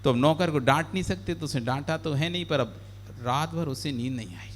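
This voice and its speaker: A man, a monk, giving a sermon and telling a story in a playful, animated way, acting out the characters. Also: on the high side, brisk. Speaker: Jain monk preaching.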